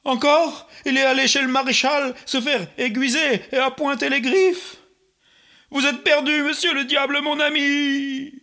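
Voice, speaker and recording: Une vieille paysanne rusée, jouée par un homme dans un conte lu à voix haute, qui gémit et se lamente avec emphase. La voix est très aiguë et vive, pleine de plaintes exagérées. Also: male voice, very high-pitched, fairly even intonation, takes it slowly, creaky, fairly bright tone, heavily acted. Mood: wailing. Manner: plaintive, wailing, theatrical. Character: cunning old peasant woman, feigning despair.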